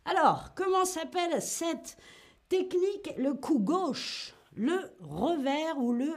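Lively high-voiced woman teaching French. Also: takes it slowly. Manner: lively, demonstrates tennis shots with grunts; greets and answers chat viewers by name. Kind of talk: live online French lesson.

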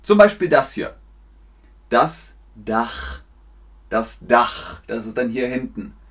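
Slow, deliberate German teacher, man. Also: medium pitch, big pitch swings. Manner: slow and deliberate, repeats words for learners. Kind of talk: slow, clear language lesson.

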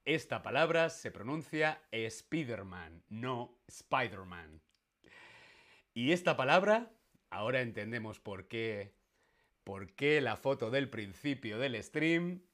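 Slow, playful male teacher. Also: medium pitch, lively intonation, a bit bright. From Spain. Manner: asks the audience questions, playful; slow, careful pronunciation. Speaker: Spanish teacher streaming. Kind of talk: live-streamed language lesson.

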